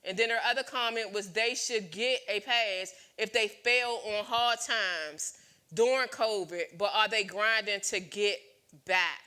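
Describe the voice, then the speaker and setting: A woman's voice: mid-range voice, measured pace, pushed and bright, clear, resonant tone. A woman in her late forties hosting a talk show, sharing candid opinions with many fillers and restarts. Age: 40s. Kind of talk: casual talk show chat.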